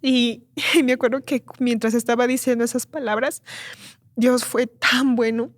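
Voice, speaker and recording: A young woman giving an earnest, emotional personal testimony as an interview guest, speaking haltingly and often repeating words. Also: fairly high pitch, little pitch movement. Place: church recording studio.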